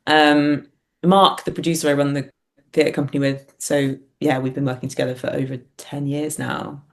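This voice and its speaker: A woman who writes and performs for the theatre is a guest in a casual interview, speaking informally and hesitantly and often saying "like." Her voice is low with a level tone and a moderate pace.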